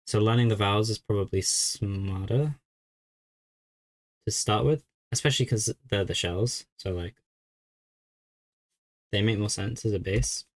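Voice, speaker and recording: Young guy, kinda low voice, easygoing streamer thinking out loud. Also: unhurried, pauses often. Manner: easygoing, thinks aloud while puzzling. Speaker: game streamer. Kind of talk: casual live-stream chat.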